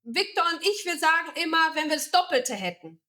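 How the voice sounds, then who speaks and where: A woman's voice: extremely high pitch, very animated, brisk, sharp tone. A woman from Germany, founder of a charity, explaining its work in a casual interview with many fillers and restarts.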